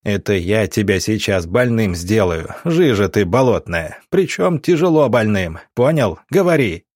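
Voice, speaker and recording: A hot-tempered officer barks and threatens in a low, gruff voice, as a male audiobook reader plays him. He sounds rough and impatient. The recording is close and dry. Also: expressive, unhurried, a little mellow, no echo. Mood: threatening. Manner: barking, threatening. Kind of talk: audiobook character voicing.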